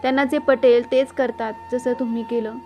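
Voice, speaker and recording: A woman voicing a long-suffering middle-aged mother who answers back quietly. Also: on the high side, steady tone, fairly quick, faint music behind, close to an everyday voice. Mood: defiant. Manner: quiet, defiant.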